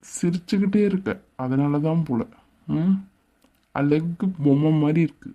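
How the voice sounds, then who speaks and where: A woman's voice: sits low, unhurried, warm tone, highs cut off. A woman voicing a teasing, lovestruck young man in a cartoon, coaxing and playfully bossy. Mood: tender. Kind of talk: cartoon voice acting.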